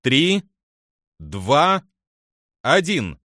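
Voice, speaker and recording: Commanding female admiral, voiced by a man, crisp decisive orders, lively up-and-down delivery, dry studio. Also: deep voice, measured pace, dry recording, voice pushed up. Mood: tense, urgent.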